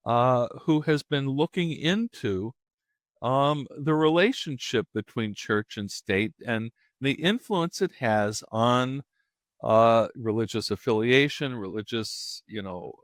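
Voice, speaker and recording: This podcast host has a mid-range, slightly bright voice, recorded without any room sound. He opens a casual intro and interview by rambling chattily through the show and guest introduction, leaning on plenty of fillers.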